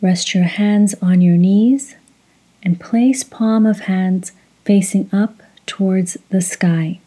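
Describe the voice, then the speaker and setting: A woman leading a guided meditation, speaking softly and breathily in a measured, instructive way with long pauses. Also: mid-range voice, rough recording. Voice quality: soft, breathy. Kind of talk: slow guided meditation with recitation.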